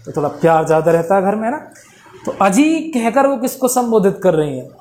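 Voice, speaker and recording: A man's voice: sits high, expressive, brisk, a little mellow. A man teaching a Hindi grammar lesson in a casual, playful way, acting out examples and laughing along. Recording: echoey room with faint background noise.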